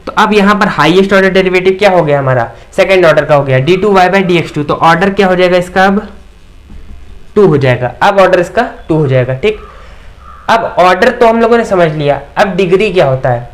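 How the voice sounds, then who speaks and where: A man's voice: sits high, a little fast. A man teaching a maths lecture at a board, asking the class questions and answering them himself, often checking in with "theek".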